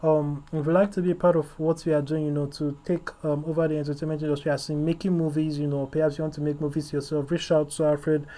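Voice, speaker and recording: A man hosting his own review show, talking in a rambling, opinionated way full of fillers. His voice sits fairly high for a man. He speaks bluntly and circles back on his points. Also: little pitch movement, fast talker, hardly any pauses, mellow. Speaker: host and series reviewer.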